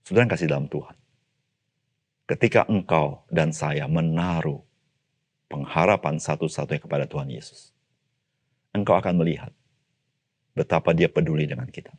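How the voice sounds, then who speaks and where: A man giving a devotional sermon as a pastor, speaking straight to his listeners, calling out some phrases loudly and dropping others low and quiet. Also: moderate pace, long pauses. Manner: addresses listeners as "Saudara"; swings between raised, emphatic calls and low, quiet asides.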